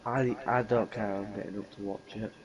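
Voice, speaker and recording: A man's voice: on the low side, steady tone, moderate pace, highs cut off, a crowd in the background. Man on chatty race commentary. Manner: chatty, joking with co-host. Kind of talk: casual online racing commentary.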